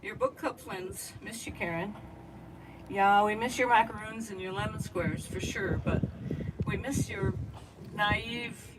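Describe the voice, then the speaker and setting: A woman giving a memorial eulogy at an outdoor gathering, speaking straight to her departed friend with heartfelt warmth. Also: medium pitch, measured pace. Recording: distant mic with outdoor noise.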